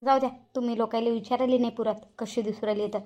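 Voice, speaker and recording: A woman's voice: fairly high pitch, fairly even intonation, quick pace, warm tone, muffled recording, lightly acted. Shantabai, a woman voicing a touchy old village woman. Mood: chatty. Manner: indignant, scolding. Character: touchy elderly village woman Shantabai, proud of her dress. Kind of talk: cartoon voice acting.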